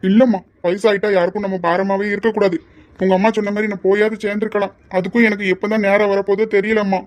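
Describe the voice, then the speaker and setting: A woman voicing a remorseful elderly grandfather who talks in a soft, pleading, apologetic way in a homemade family skit. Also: medium pitch, flat delivery, fast talker, close to an everyday voice. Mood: tearful.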